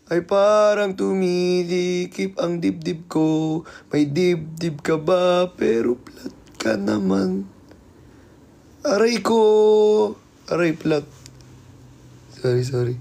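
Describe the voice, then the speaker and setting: A man with a high, gravelly voice chats on a live stream. He talks at an unhurried pace and teases his viewers playfully while greeting them one by one. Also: warm tone. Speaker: livestreamer. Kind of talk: casual live-stream chat.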